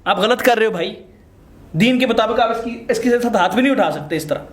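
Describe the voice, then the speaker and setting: High-voiced man lecturing a quarreling couple. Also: breathy edge. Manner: emphatic, lecturing, addresses viewers. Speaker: host. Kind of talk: mediating a marital dispute on camera.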